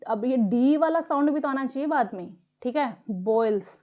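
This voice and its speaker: Higher-voiced woman tutor, dull lo-fi sound. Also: expressive, moderate pace. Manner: explanatory, coaching tone, repeats instructions. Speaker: English speaking test tutor. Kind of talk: instructional tutorial.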